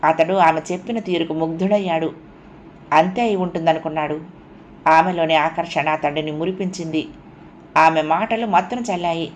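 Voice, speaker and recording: A woman with a lowish voice narrates a novel in a steady, even storytelling way. A faint hiss runs under the reading. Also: normal speed. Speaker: audiobook narrator. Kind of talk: scripted narration.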